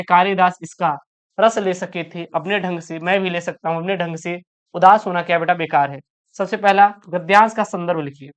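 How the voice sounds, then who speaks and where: With a lowish, clean-toned voice, a woman runs an online exam-prep lesson. She calls her students "beta" and works quickly and explanatorily, reading each question aloud, often repeating it, and then answering.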